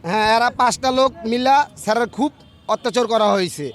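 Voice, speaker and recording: A man's voice: extremely high pitch, a little fast, fairly bright tone. A man, a senior delivery driver, speaking indignantly to reporters, throwing out rhetorical questions. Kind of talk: protest statement to reporters.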